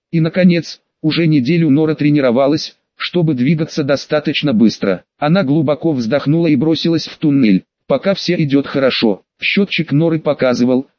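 A male narrator reading an audiobook in an even, matter-of-fact way. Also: on the high side, no room sound. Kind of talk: scripted narration. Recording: dull, dry lo-fi recording.

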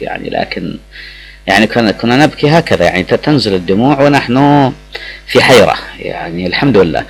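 Middle-aged man, low husky voice, emotional, halting radio talk, faint music and hum. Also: rough recording. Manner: emotional, with many hesitations and restarts. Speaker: radio speaker. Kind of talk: reflective personal talk.

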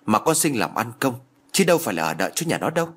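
A man's voice: on the low side, very animated, fairly quick, breathy edge. Man playing a blunt hot-tempered villager. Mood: indignant.

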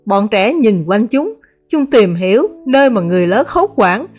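A woman narrating a translated novel as an audiobook, in a measured, dramatic reading. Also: mid-range voice, very animated, a little mellow, faint music behind. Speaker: audiobook reader.

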